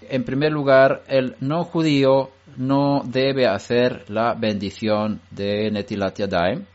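Man, religious lesson, explanatory, hesitant restarts, middle pitch, slightly muffled audio. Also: fairly even intonation, takes it slowly, a little mellow. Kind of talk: religious teaching talk.

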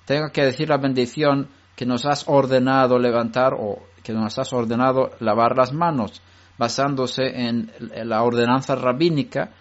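A man's voice: mid-range voice, fairly even intonation, moderate pace, muffled recording. A man giving a religious teaching talk, explaining step by step with frequent restarts and hesitations.

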